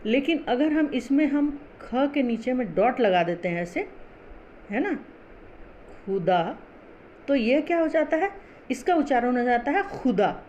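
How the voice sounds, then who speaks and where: A woman's voice: high voice, sing-song, a little mellow. Female Hindi teacher, patient classroom delivery, muffled lo-fi recording with light hiss. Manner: slow, patient, spells out sounds syllable by syllable. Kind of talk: classroom lesson explaining pronunciation.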